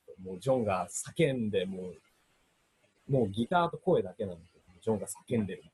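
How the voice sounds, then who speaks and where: A young man with a Kansai accent, a rock band guitarist chatting on a casual radio show, talking in thoughtful, measured phrases. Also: lowish voice, animated, darkish tone, husky. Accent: Kansai Japanese. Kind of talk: casual chat.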